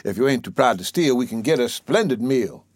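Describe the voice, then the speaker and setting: A man's voice: medium pitch, lively intonation, a little fast, no room sound, studio quality, lightly acted. A man putting on a sly little weasel. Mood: scheming. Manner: crafty, persuasive, sly. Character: small, sly male weasel schemer.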